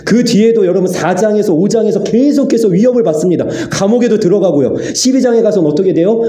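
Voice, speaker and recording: A man's voice: high-pitched, warm tone. A man preaching an earnest sermon as pastor, acting out prayers and God's replies. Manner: earnest, acts out dialogue with God. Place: church sanctuary. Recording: echoey church hall.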